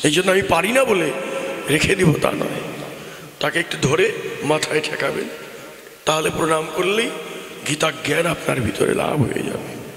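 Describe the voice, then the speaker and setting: A high-pitched man with a bright, ringing voice preaches a devotional sermon. His telling is emphatic and sing-song, swelling and dropping as he goes. The sound carries a long echo, as if it were booming through a loudspeaker across a big hall. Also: normal speed, pauses often. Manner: emphatic, sing-song, rising and falling delivery. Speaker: kirtan preacher. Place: open-air gathering with loudspeakers. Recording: echoey hall from a PA system.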